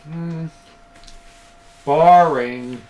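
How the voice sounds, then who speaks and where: A man's voice: a little high, drawn-out words, a little mellow, reverberant, highs cut off. A man hosting a let's play, making sarcastic jokes and asides as he reads the game text. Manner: jokey, sarcastic, full of asides. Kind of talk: joking game commentary.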